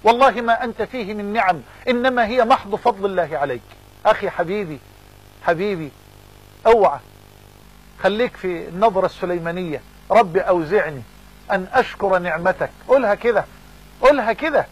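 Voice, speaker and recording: High husky Egyptian preacher. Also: male voice, a little fast, poor audio. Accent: Egyptian Arabic. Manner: fervent, repeats phrases for emphasis. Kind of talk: sermon.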